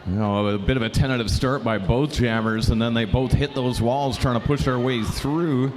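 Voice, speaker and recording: A man calling a junior roller derby game as play-by-play commentator, talking quickly with lots of "uh" fillers. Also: mid-range voice, fairly even intonation, background noise. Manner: fast, filler-heavy, self-described caffeinated. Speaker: sports commentator.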